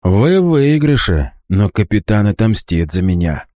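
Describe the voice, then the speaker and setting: A man's voice: on the low side, sing-song, a little slow, mellow, dry recording, studio quality. A man voicing a hateful, dying villain who speaks with a sneering, spiteful manner, in an audiobook.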